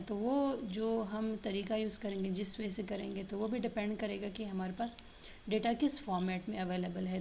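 A woman talks through lecture slides. Her voice has a gravelly, creaky texture at a middle pitch. A faint hiss sits under the recording. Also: darkish tone, rough recording.

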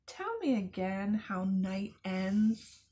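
A woman's voice: medium pitch, very animated, slow pace, warm tone, a little hiss or hum. A woman voicing an eager young owl in a children's picture-book read-aloud, calling out and pleading. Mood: hushed. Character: eager little boy owl, young and small.

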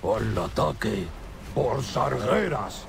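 An actor playing a grandiose, commanding dark sorcerer villain in a video game, with a gravelly, theatrical voice. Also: male voice, fairly low pitch, sing-song, slow pace, heavy background noise, exaggerated voice. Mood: menacing, commanding. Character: menacing male dark sorcerer villain serving a master. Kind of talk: video game boss acting. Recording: loud game music over the voice.

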